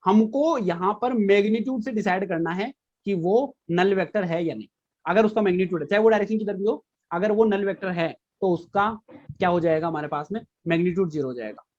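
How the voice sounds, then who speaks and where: A man's voice: high voice, brisk, a little mellow, muffled recording. Repetitive quizzing male physics teacher. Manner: repeats key points, quizzes students with questions. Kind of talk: live online class lecture.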